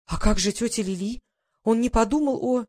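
A woman's voice: fairly high pitch, moderate pace, darkish tone, dry recording, clean studio sound, voice pushed up, lightly acted. A woman reading the lines of a proud, anxious young English lady in an audiobook, with agitated exclamations.

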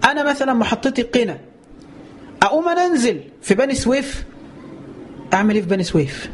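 An Egyptian-accented man preaches in a high, quick voice, in a lively colloquial way. He piles up rhetorical questions and drawn-out exclamations, then slows down to recite scripture. The pace stays brisk between the recitations. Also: a little hiss or hum. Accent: Egyptian Arabic. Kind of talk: colloquial religious lesson with slow scripture recitation.

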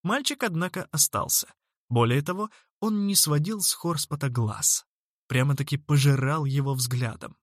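A man narrating a storybook in a measured, lightly ironic way. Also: on the high side, no echo, clean studio sound. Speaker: audiobook narrator.

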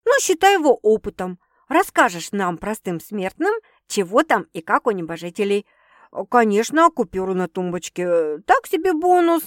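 A woman's voice: mid-range voice, dry recording, clean studio sound, close to an everyday voice. A woman reading an audiobook voices Sveta, a brash young woman who teases her sister with bawdy, mocking jokes.

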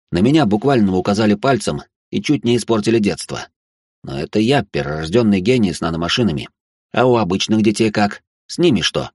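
A man's voice: low voice, a little mellow, no room sound, studio quality. A man narrating a novel in first person, with a wry, conversational inner monologue. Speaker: audiobook narrator.

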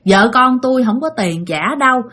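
A woman voicing the pleading ghost of a dead middle-aged man, speaking softly and hesitantly. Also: a little high, lively intonation, normal speed. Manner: begging, soft and hesitant.

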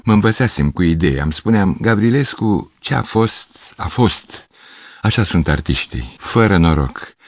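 A man's voice: deep voice, lively intonation, no room sound, studio quality. A man voicing an aging male piano teacher who is pompous and self-pitying, with a theatrical, pathetic way of declaiming. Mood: musing.

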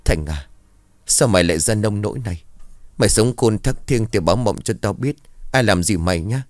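A man's voice: fairly low pitch, lively intonation, a little fast, dry recording, natural voice. A man voicing a young man who tearfully mourns a drowned friend. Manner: choked, tearful.

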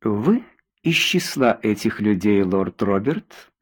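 A man's voice: fairly low pitch, big pitch swings, breathy edge, exaggerated voice. A man doing a grave Spanish-accented ambassador. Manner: slow and serious. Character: grave, scheming older male ambassador.

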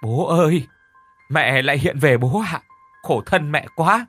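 A man's voice: medium pitch, expressive, moderate pace, fairly bright tone, slightly rough, no room sound, soft background music. A man voicing a grieving, frightened young woman who pleads through tears in a spoken horror story. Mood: tearful. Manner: tearful, pleading.

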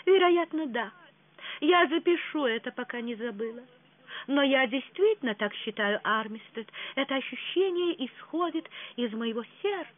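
Reader doing a gushing young actress, all breathy lifts, voice on a thin lo-fi line. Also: sits high, expressive, normal speed, pitched above the performer's own voice. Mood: rapturous. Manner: rapturous, eager exclamations. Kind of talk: audiobook reading. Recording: tinny phone-like sound.

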